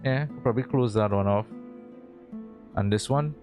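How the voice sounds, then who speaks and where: A man's voice: lowish voice, moderate pace, a little mellow. A man giving casual gameplay commentary, thinking aloud in an indecisive, mumbled way as he plays through a video game. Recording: game music behind the voice. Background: video game music.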